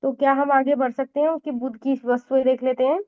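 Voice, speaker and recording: A woman's voice: sits high, flat delivery, a little fast. A woman astrologer giving a conversational astrology lesson, explaining with frequent fillers and mixed-in English words. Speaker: Vedic astrologer teacher. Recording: tinny phone-like audio.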